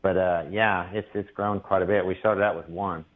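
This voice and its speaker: Low-voiced man on a tinny phone line. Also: flat delivery, normal speed. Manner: hesitant, many "uh" fillers. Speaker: caller, local business owner. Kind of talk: casual call-in chat. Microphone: telephone.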